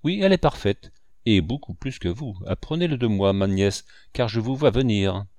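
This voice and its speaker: Un vieil oncle peintre, bourru et taquin, que fait un lecteur à la voix grave, au ton sec et moqueur. Le son est mat et proche, sans aucune réverbération. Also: male voice, on the low side, animated, normal speed, darkish tone, dry recording, studio quality, lightly acted.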